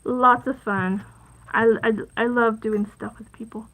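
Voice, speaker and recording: A woman's voice: fairly high pitch, steady tone, unhurried, rough recording. Chatty woman hosting a craft livestream. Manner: chatty and rambling, with many fillers and soft asides. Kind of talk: casual live crafting chat.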